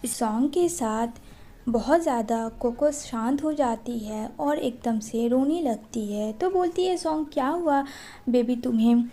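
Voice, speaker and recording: A woman's voice: on the high side, expressive, measured pace, dark tone. A woman recapping a drama film in a casual, chatty way, talking straight to her viewers as friends and mixing English words into her speech. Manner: mixes English words into Hindi. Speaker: movie recap narrator.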